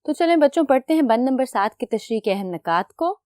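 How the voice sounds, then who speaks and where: A young woman teacher with a fairly high, lively voice that swings up and down as she explains. She patiently puts questions to the children and answers them herself. The recording is close and dry, with no room sound. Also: brisk, dry recording. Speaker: school teacher. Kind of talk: recorded classroom lecture.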